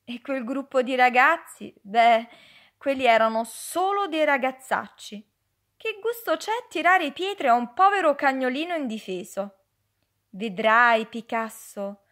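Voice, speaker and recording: A woman voicing a kind, wise sea who comforts others in a slow, coaxing way. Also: high-pitched, fairly bright tone, exaggerated voice.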